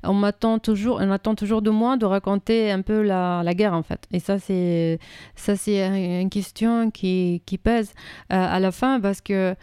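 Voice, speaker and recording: Hesitant Syrian-accented woman, very clear voice. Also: medium pitch, steady tone, unhurried, dark tone, dry recording, clean studio sound. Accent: Syrian Arabic. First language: Arabic. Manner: hesitant, many restarts and fillers. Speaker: poet interviewee. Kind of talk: reflective interview answers.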